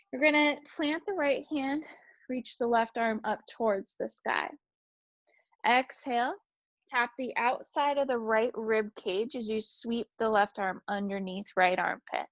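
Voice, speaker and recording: A woman instructor calmly guiding a gentle yoga class, cueing each breath and movement. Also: a little high, no echo, lo-fi sound.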